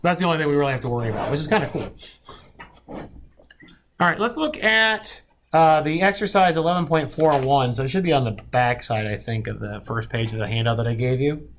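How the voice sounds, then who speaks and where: A man's voice: medium pitch, brisk, a little hiss or hum. A male math instructor giving a classroom lecture, thinking aloud and often checking in with his students.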